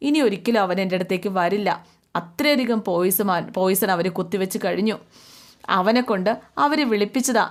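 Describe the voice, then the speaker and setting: A woman's voice: mid-range voice, a little fast, close to an everyday voice. A woman doing a heartbroken father. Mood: grieving. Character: heartbroken middle-aged father, tearful, pleading.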